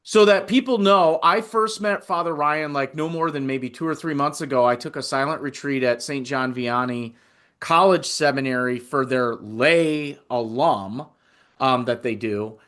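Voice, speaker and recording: With a fairly bright, mid-range voice, an American podcast host chats unhurriedly in a casual interview. He sounds informal and keen throughout.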